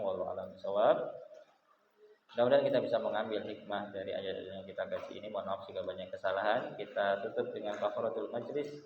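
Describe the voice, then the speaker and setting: A man's voice: on the low side, slight background noise. A man with an Indonesian accent teaching a Quran commentary lesson, explaining grammar and chanting Arabic phrases. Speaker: Islamic teacher. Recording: echoey hall, tinny phone-like audio.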